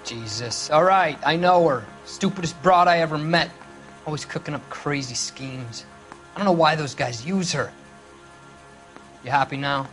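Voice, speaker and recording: A man's voice: on the high side, normal speed, a bit bright, soft background music, close to an everyday voice. A man playing a cornered suspect in a video game interrogation, defiant and defensive, with an American accent. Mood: grudging, resigned. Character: cornered male car-thief suspect, defiant, sullen, cracking under pressure.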